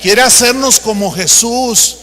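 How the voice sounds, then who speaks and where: A middle-aged pastor preaches with a very high, forceful, bright voice. He hammers his points home by repeating them, and a long echo fills the large church hall. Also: slow. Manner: emphatic, repetitive, addresses congregation as brothers. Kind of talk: sermon.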